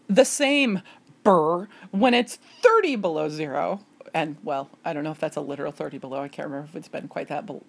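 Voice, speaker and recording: A woman hosting a casual solo podcast, chatty and self-deprecating, who jumps up in pitch when she mimics voices. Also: creaky. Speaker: podcast host.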